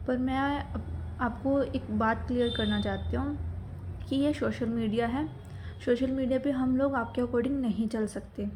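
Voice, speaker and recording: Young woman, indignant lecturing monologue to camera, mellow slightly high voice, faint background noise. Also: fairly even intonation, measured pace. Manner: indignant, lecturing the viewers directly. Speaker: social media commentator. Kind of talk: opinion monologue.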